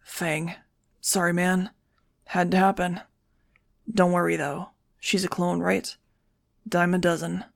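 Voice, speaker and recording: A woman voicing a gruff, taunting young male villain. Her voice is low and gravelly. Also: flat delivery, slow pace, long pauses.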